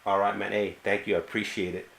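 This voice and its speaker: A man's voice: lowish voice, level tone, quick pace, gravelly, a bit bright, a little hiss or hum. A man hosting a casual live stream, hesitant and often stammering over repeated words. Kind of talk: casual chat.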